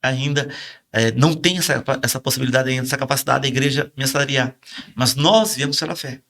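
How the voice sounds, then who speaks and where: Brazilian pastor guy sharing his testimony, gets emotional, acts out the dialogue loud. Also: medium pitch, fast talker, gravelly. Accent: Brazilian Portuguese. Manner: emotional storytelling, acts out quoted dialogue in a raised voice. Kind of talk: testimony in podcast conversation.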